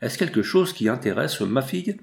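A man's voice: mid-range voice, sing-song, normal speed, vocal fry. A man voicing an anxious noble princess and mother who urgently begs for an explanation. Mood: imploring. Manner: imploring, urgent.

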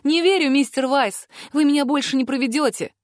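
Narrator doing a desperate stubborn young heroine. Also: female voice, high-pitched, brisk, no echo, studio quality, pitched above the performer's own voice, close to an everyday voice. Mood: pleading. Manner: pleading, insistent. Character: desperate young woman student, stubborn and pleading.

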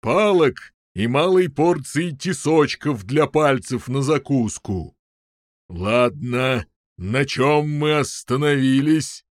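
A man's voice: mid-range voice, animated, no room sound, clean studio sound. A man voicing Golopas, a drawling, bullying giant. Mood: gloating. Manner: slow, drawling and loud, with a strained, altered timbre. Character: huge menacing male giant, gloating and bullying. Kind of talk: audiobook character voice.

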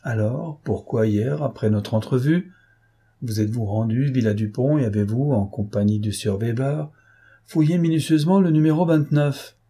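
A man reading the part of a fussy, self-important investigating judge in an audiobook, with a husky voice and insistent, exasperated questions. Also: medium pitch, moderate pace, dark tone.

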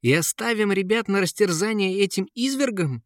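Мужчина озвучивает вспыльчивого смелого юного принца, говорит горячо и возмущённо. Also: male voice, high voice, animated, normal speed, no room sound, clean studio sound, pitched above the performer's own voice. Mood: pleading, indignant. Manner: passionate, indignant. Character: brave hot-headed young prince, defiant. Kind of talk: audiobook character voice.

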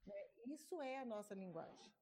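Mellow-voiced reflective woman host. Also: mid-range voice, animated, moderate pace, slightly rough. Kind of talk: conversational radio talk.

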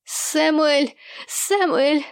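A woman's voice: medium pitch, measured pace, a little mellow, no room sound, clean studio sound. A woman voicing an ailing, irritable pregnant woman who groans and shrieks her demands. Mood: shrieking.

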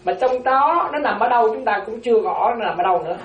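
A woman's voice: fairly high pitch, animated, fast talker, dull audio, crowd noise. A Buddhist nun giving a dharma talk, repeating key phrases and often asking whether her listeners follow. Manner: keeps checking listeners follow with repeated questions. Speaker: Buddhist nun teaching a class. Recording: roomy, distant mic.

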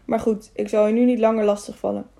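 A woman's voice: mid-range voice, little pitch movement, fast talker, gravelly, warm tone, lightly acted. A woman reading the part of a stern, honest older male councillor who speaks firmly and with authority. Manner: firm, commanding.

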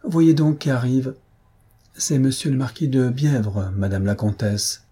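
A man voicing a gentle, affectionate elderly countess in a read-aloud novel. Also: medium pitch, fairly even intonation, unhurried, slightly rough. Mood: kindly.

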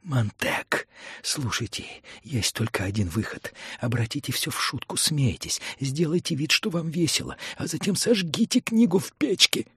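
A man voicing an anxious older man who pleads in a hushed voice through an earpiece. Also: a little high, lively intonation, moderate pace, breathy edge, no room sound, pitched above the performer's own voice, exaggerated voice. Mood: pleading.

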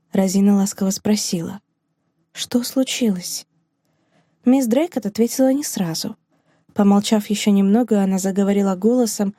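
A woman narrates a novel in a measured, even audiobook delivery. Her voice is mellow and dark in tone, mid-pitched, and recorded very dry and close to the mic. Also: no room sound.

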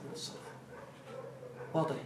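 A male teacher giving a classroom grammar lesson. He quizzes students with questions they finish, and reads example phrases slowly with stress. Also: background noise. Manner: quizzes students with fill-in-the-blank prompts. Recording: echoey room, distant mic.

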